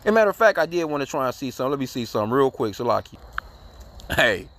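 A man's voice: medium pitch, big pitch swings, racing, a bit bright, a little hiss or hum. A man giving heated, profane, rambling commentary, tagging his sentences with "man", in casual talk to his viewers. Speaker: commentary channel host.

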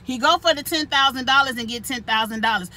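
A woman vlogger with a bright, forceful voice that sits a little high, talking straight to her viewers. She is blunt and cusses freely, laughing now and then as she runs through her casual commentary. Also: fast, slight background noise. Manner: blunt, profane and outspoken, with frequent laughs. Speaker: channel host reviewing a reality show.

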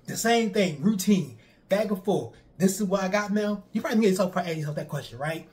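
A young man, riffing on pro wrestling for his stream chat in an animated, repetitive way. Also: high voice, fast. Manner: animated, repetitive, talks straight to viewers. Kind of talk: casual streamed commentary to chat.

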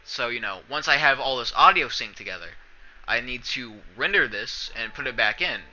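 Bright-voiced young man rambling on stream. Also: medium pitch, animated, normal speed, lo-fi sound. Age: young adult. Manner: self-deprecating, sarcastic, swearing. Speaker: streamer and video editor. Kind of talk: casual rambling livestream chat. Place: small bedroom indoors.

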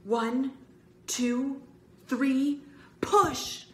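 A woman's voice: high voice, lively intonation, normal speed, reverberant, recorded from a distance, slight background noise, voice pushed up. A woman voicing a wary young boy leader. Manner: cautious, hushed.

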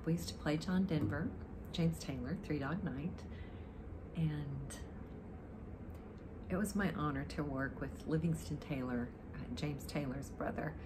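Older lady w low dry-throated voice, rambly casual chat at home, noisy recording. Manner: rambling, reminiscing. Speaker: amateur guitarist introducing a song. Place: living room, indoors, on a sofa.

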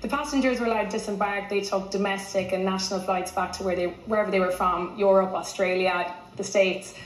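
A woman's voice: mid-range voice, fairly even intonation, fairly quick. A young woman with a west of Ireland accent, chatting as an interviewed contestant on a live stage. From County Mayo, Ireland. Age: young adult. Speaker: contestant being interviewed, musician. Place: large indoor televised stage. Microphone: clip-on lapel mic. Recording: echoey large stage venue.

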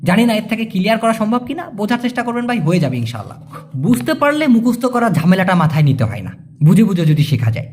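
Lively-voiced Bangladeshi man teaching words. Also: high-pitched, slight background noise. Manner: repeats words slowly for pronunciation, addresses viewers as brother. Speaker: language teacher. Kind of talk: casual spoken language lesson.

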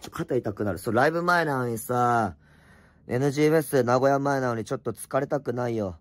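Hoarse, rough-talking man streaming at home. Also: medium pitch, fairly quick, no echo. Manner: rough, blunt and teasing with viewers, mumbling asides. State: slightly hoarse voice. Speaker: streamer reading and answering viewer comments. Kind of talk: casual late-night livestream chat. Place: at home, wrapped in an electric blanket.

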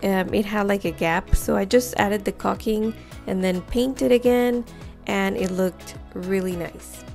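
A woman's voice: mid-range voice, steady tone, measured pace, vocal fry, a little mellow, faint music behind. A woman in her forties narrating her home renovation vlog in a chatty, encouraging way, recorded on a lapel mic at home. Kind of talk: friendly voice-over narration. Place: home living room, indoors.

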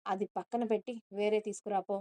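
A woman voicing a stern, sharp-eyed young man who speaks in short, commanding lines. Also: mid-range voice, fairly even intonation, fairly quick, dry recording, natural voice. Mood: curt. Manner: curt, commanding.

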